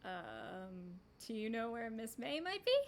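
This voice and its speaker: A woman's voice: a little high, very animated, measured pace, heavy background noise. A woman voicing an earnest young male rookie lawyer in a video game, hesitant and self-questioning. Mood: flustered.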